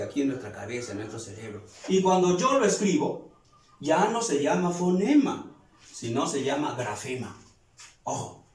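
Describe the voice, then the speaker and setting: A male teacher giving a grammar lesson to students, explaining step by step and asking questions he then answers. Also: a little high. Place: classroom. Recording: echoey room, voice far from mic.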